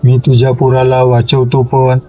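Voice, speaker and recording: A man's voice: medium pitch, monotone, measured pace, warm tone, highs cut off, close to an everyday voice. A man voicing a menacing male demon spirit in a spoken horror story, talking in a growling, cackling manner.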